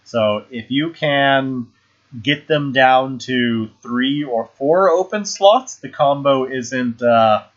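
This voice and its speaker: A man's voice: mid-range voice, slow pace. A man chatting casually while live-streaming a card game, hesitant and full of fillers and restarts. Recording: dull lo-fi stream audio.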